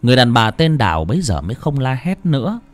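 Male audiobook narrator, dramatic and very animated. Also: medium pitch, fast. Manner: dramatic, expressive storytelling. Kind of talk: storytelling narration.

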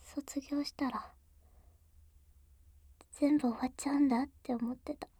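A young woman playing an affectionate, excitable girlfriend on a sleepover, in intimate pillow talk that often slips into breathy whispers. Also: high voice, unhurried, dry recording. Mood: tender, happy. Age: young adult. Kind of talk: intimate pillow-talk role-play to the listener. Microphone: close, dry microphone.

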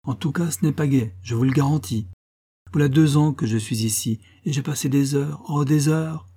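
A man's voice: mid-range voice, normal speed, warm tone, husky, voice pushed up. A man voicing an affected middle-aged woman posing as a Parisian countess, with a theatrical, wistful, mock-aristocratic manner. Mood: plaintive.

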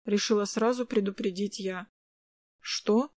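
A woman narrating a first-person story in lively audiobook style with acted dialogue. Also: a little high, moderate pace, no room sound.

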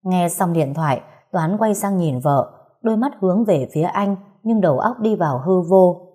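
A woman reading a romance novel aloud as an audiobook narrator. Her voice is fairly low, mellow and warm, and she keeps a calm, steady storytelling pace. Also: moderate pace, husky. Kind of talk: scripted narration.

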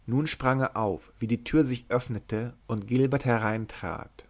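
A man reading an older German novel aloud as an audiobook, in an even, measured storytelling manner. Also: medium pitch. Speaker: audiobook reader.

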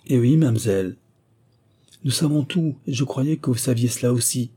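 A man's voice: medium pitch, moderate pace, mellow, breathy edge, natural voice. A man voicing a chatty, loyal young manservant who talks in a familiar, blunt way in an audiobook reading. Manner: familiar and talkative, swearing by God.

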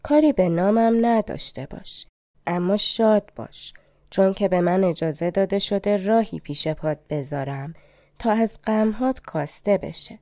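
A woman voicing an old limping fortune-teller, a fairy in disguise, in a storybook reading, speaking in a gentle, coaxing and mysterious way. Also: mid-range voice, no echo, clean studio sound, natural voice. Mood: instructing. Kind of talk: audiobook fairy tale reading.

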